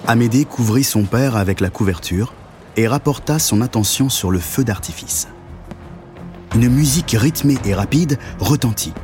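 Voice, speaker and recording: A man reads a children's story aloud in an expressive voice. His intonation rises and falls widely and he builds up the exciting moments. A faint music bed plays behind him. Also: lowish voice. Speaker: narrator.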